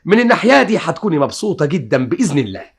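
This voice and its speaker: An actor with an Egyptian accent playing a meek, exasperated, sarcastic husband in an old radio comedy. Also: male voice, fairly high pitch, very animated, very fast, creaky, roomy sound. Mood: meek, flustered. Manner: flustered, sarcastic.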